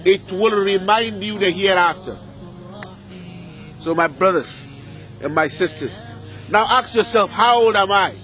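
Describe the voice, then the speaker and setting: At an outdoor graveyard, a man preaches a sermon, repeating lines, asking questions of his listeners, and reciting Arabic verses in between. His voice is high-pitched and fairly bright, and the audio quality is poor.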